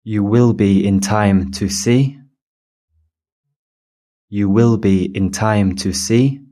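A man reads a dictation exercise at a very slow, measured pace. He says each phrase several times and speaks the punctuation marks aloud. His voice sits low and mellow. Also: steady tone. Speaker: dictation reader.

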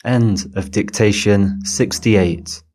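Very slow, deliberate male dictation reader. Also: lowish voice, darkish tone. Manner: repeats each phrase slowly, speaking punctuation aloud. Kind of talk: slow dictation read aloud.

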